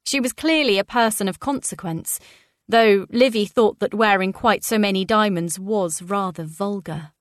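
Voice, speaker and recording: A woman narrating a historical novel aloud in an even, measured manner. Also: mid-range voice, no room sound, clean studio sound. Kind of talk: audiobook narration.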